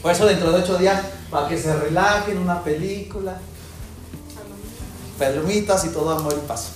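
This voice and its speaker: A woman preacher delivering an animated sermon, mimicking people in mocking voices. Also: fairly low pitch, moderate pace. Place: large echoing church hall. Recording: very echoey hall with faint music.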